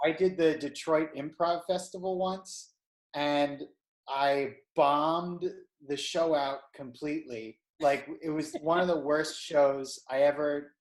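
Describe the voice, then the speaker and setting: A man tells stories in loose, rambling bursts, swearing freely as he goes. His voice sits a touch high, and it bounces around an echoey room. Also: fairly even intonation, takes it slowly. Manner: profane, rambling storyteller. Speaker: podcast co-host. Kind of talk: casual chat. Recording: roomy echo.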